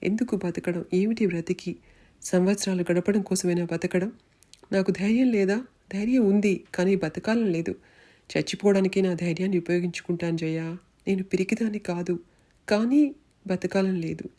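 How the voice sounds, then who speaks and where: A woman's voice: medium pitch, normal speed, dark tone, lightly acted. Woman reading as a despairing young wife. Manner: pleading, tearful.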